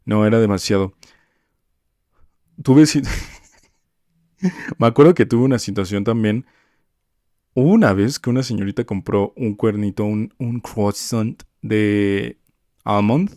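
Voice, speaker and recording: A young man, telling stories from his past jobs in an animated, chatty way. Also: on the low side, takes it slowly, long pauses, no room sound, studio quality. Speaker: vlogger. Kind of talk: casual storytime gossip.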